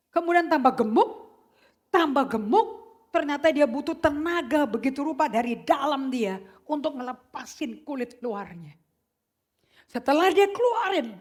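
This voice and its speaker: A woman preaching a sermon in a casual, slangy way, mixing in English phrases and swinging from loud shouts to hushed whispers. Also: high voice. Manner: mixes English phrases into her speech; casual slangy emphatic delivery.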